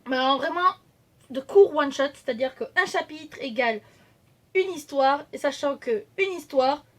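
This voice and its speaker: Femme enthousiaste à la voix aiguë. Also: female voice, sits high, normal speed. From France. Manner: chatty, hesitant, many fillers and self-corrections. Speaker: vlogger. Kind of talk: casual chat. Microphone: phone camera.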